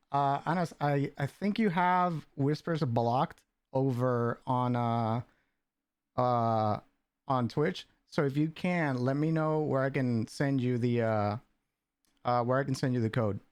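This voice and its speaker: A man hosting a livestream, chatting casually and getting excitable, bursting into laughter and shouts. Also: mid-range voice, smooth, dry recording. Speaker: stream host.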